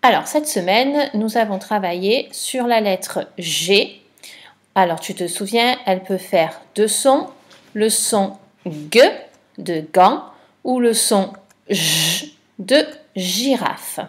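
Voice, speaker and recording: Slow, patient woman teacher. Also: medium pitch, lively intonation. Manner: patient, clear, spells letters one by one. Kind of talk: slow dictation lesson for a child.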